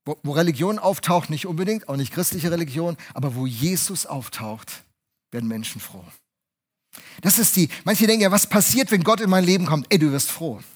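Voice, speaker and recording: A man delivers a sermon in a slightly raised, husky voice. He addresses his congregation head-on, pressing some phrases loudly and letting others fall to a soft hush. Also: high-pitched, lively intonation, a little fast, hardly any pauses. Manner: emphatic, swings between loud urging and hushed soft phrases; speaks directly to the congregation. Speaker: preacher.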